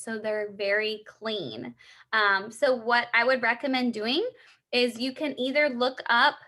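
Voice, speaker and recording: A woman with a high, very bright voice plays out a three-way sales call as the consultant. She explains things in an upbeat, encouraging manner, like someone coaching a new customer over the phone.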